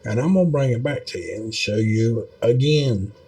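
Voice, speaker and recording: A man's voice: medium pitch, expressive, normal speed, dark tone. A man giving casual, rambling video commentary in a folksy, meandering way, with many fillers. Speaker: video host.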